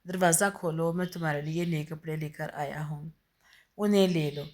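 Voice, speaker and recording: A woman voicing an adult male tailor who speaks slowly and plainly. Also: sits low, fairly even intonation, a little mellow. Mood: calm.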